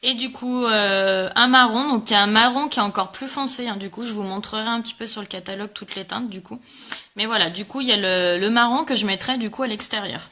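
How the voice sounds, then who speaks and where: A woman with a bright, clear voice hosts a casual live makeup tutorial. She talks in a bubbly, chatty way, full of fillers, and greets her viewers while she demonstrates. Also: mid-range voice, quick pace. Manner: chatty and enthusiastic, many fillers. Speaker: makeup presenter.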